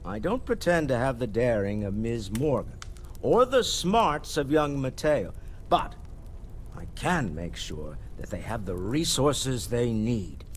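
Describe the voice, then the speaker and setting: A man's voice: mid-range voice, big pitch swings, measured pace, slight background noise. A man playing a wealthy older businessman in a video game, urbane, proud and wry. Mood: self-assured. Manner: urbane, self-assured, wryly conversational. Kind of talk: scripted video game dialogue.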